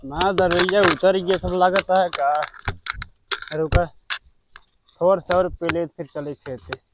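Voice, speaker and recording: A grumbling old town drunk played by a man rambles in a high voice with an Awadhi accent. He sounds muddled and cranky, as in a homemade rural comedy skit, with clear noise around him. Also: steady tone, slow pace. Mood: irritated. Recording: noisy amateur location sound.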